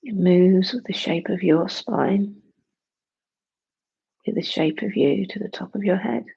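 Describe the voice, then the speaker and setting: A meditation and breathwork teacher giving hushed, unhurried guided instruction with long pauses, in a creaky, breathy voice. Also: mid-range voice, highs cut off.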